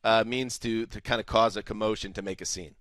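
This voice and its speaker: A man's voice: fairly low pitch, steady tone, fairly quick, a bit bright, no echo, studio quality. A man from the USA hosting a sports podcast in casual, jokey chat. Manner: jokey, teasing. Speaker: podcast host.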